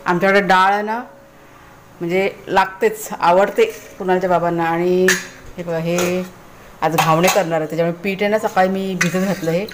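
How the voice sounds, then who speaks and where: A woman's voice: lowish voice, little pitch movement, normal speed, background noise. A woman from Konkan, Maharashtra, chatting casually as she explains her cooking to viewers in a home vlog. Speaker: vlogger. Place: village home kitchen.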